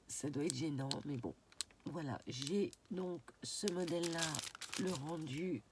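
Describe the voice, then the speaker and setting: A woman's voice: deep voice, a little slow, noisy background. A woman with a stuffy, nasal voice chatting casually as she shows off a craft shopping haul, with lots of fillers. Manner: relaxed and chatty, with many fillers and "voilà". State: stuffy, congested nose. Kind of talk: casual haul vlog talk to camera. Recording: paper crinkling and clicks behind. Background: crinkling packaging and clicks.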